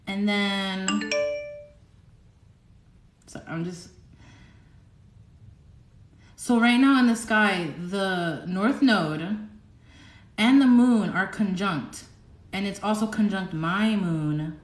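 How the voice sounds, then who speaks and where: Chatty, excitable young woman reading tarot. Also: medium pitch, very slow, pauses often, roomy sound. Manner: chatty and excitable, rambling with giggles. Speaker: tarot reader. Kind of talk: casual livestream tarot reading.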